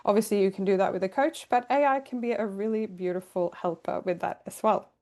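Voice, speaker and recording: Presenting a live workshop via video call, this middle-aged career coach from Sweden keeps things cheerful and conversational, laughing lightly as she welcomes people. She speaks briskly in a mid-range, slightly mellow voice.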